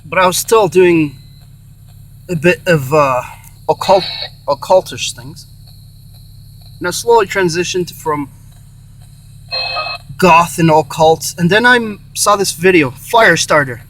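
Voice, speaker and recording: A man hosting a paranormal session in casual, halting talk, repeating himself and breaking off phrases. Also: high voice, expressive, fairly bright tone, poor audio. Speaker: host of a paranormal spirit box session. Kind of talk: casual rambling vlog talk, addressing spirits and viewers. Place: in or beside a car. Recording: faint hum and noise.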